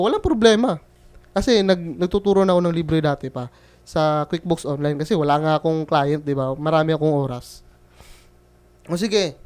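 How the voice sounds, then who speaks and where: A man's voice: on the high side, a little mellow, clean tone. A young man from the Philippines, a freelance bookkeeper telling a story in a casual, joking vlog style. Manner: chatty, joking storyteller who quotes others.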